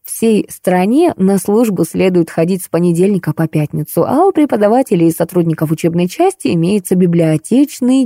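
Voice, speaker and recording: Mellow woman narrating a novel. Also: on the low side, dry recording, studio quality. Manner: wry, conversational storytelling. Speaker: audiobook narrator. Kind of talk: first-person novel narration.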